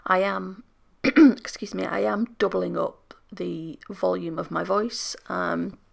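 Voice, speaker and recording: Sick British woman, soft husky close-mic voiceover. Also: lowish voice, steady tone, slow pace. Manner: soft, half-whispered, apologetic, rambling. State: unwell, losing her voice. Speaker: scrapbooking channel host. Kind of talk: casual voiceover narration. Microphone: very close to the microphone.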